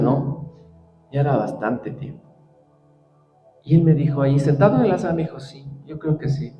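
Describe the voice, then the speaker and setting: A man's voice: mid-range voice, reverberant, highs cut off. An older man preaching a sermon, reading scripture aloud and reflecting personally, often adding a questioning "right?". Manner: reads scripture then reflects personally, with frequent rhetorical "¿no?".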